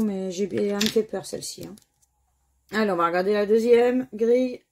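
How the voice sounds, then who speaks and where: French woman scratching lotto tickets, slow talker, husky low-key voice, spells letters out loud. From France. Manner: slow, spells letters aloud, sighs over losses. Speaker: scratch-card vlogger. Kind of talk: casual commentary while scratching tickets.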